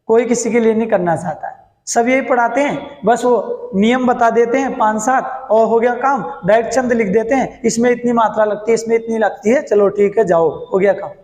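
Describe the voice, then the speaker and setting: A male Hindi teacher teaching verse meter, who recites lines slowly, then explains quickly and keeps asking his students questions. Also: very high voice, a little mellow. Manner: quizzes students with questions, then answers himself. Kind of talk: classroom lesson on poetic meter. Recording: echoey hall.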